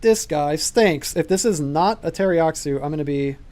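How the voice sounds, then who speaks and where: A man's voice: a little high, normal speed, a little mellow. A young man streaming a game late at night, talking casually to his chat while he plays and often laughing. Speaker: gaming streamer. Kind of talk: live-streamed gameplay commentary.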